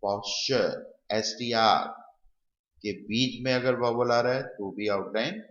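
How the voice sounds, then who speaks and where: A man teaching shorthand step by step, talking slowly and repeating the example as he writes them. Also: medium pitch, steady tone, fairly bright tone. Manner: slow, repeats example words while writing. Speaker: shorthand tutor. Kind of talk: slow step-by-step lesson. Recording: dull, roomy recording.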